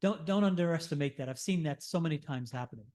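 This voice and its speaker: A man's voice: fairly high pitch, fast talker, a little mellow. A man giving an earnest, persuasive talk as guest speaker at a church service, with a few restarts. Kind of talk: speech to a congregation.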